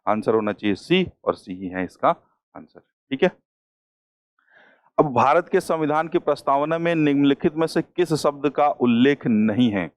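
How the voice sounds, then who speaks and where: A man's voice: medium pitch, animated, normal speed, no echo. A man teaching an exam-prep class, working through questions step by step and repeating the key terms. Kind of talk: lecture solving exam questions.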